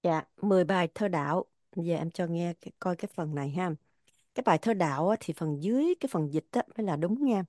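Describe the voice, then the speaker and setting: A woman leads a spiritual talk, unpacking religious poems line by line. She is earnest and repeats phrases to drive her points home. Her voice sits low and mellow, recorded close in a dry space. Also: fast, dry recording. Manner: earnest, repetitive, stressing words. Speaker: religious teacher explaining poems.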